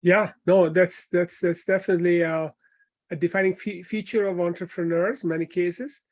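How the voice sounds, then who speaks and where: Male interviewer with a high voice, conversational and halting as he asks. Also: steady tone, a little mellow. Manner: halting, restarts phrases while asking. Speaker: podcast host.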